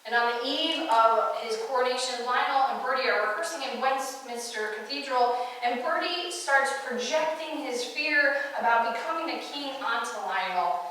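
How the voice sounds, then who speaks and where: A woman's voice: high voice, moderate pace, few pauses, sharp tone. A woman pastor giving an earnest, storytelling sermon in a church. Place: church sanctuary. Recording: echoey church hall, far-off mic.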